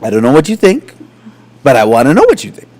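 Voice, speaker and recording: Talking fast in a medium-pitched voice, this Canadian podcast co-host keeps the chat casual. He's animated, laughing through his stories and performing the quoted lines himself.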